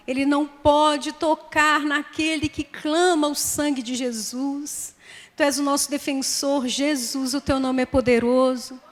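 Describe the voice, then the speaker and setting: A woman pastor with a Brazilian Portuguese accent preaches on a microphone, her voice set fairly high. She reads scripture and prays in a slow, emphatic cadence. The church sanctuary gives her words a long, lingering reverb. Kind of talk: sermon. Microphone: handheld microphone.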